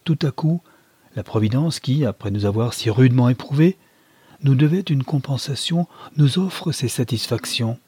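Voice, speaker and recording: A man's voice: medium pitch, normal speed, dark tone, husky, no room sound, lightly acted. A man voicing a self-pitying aging mother who reproaches her daughter in a plaintive, pleading way, in a novel read aloud. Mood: reproachful.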